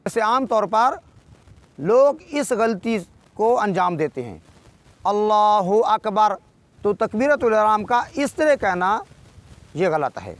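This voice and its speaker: A man with a Pakistani Urdu accent teaching correct Quran pronunciation, explaining rules and then reciting words slowly and drawn out, his voice dropping low at the end of his sentences. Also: sing-song, dry recording. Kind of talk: tajweed lesson with slow demonstrations.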